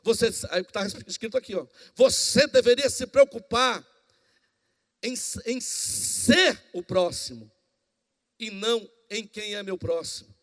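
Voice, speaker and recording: A male pastor preaching a sermon, animated and acting out the dialogue of the people in his story. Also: sits high, unhurried. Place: church hall. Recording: long reverb in a church hall.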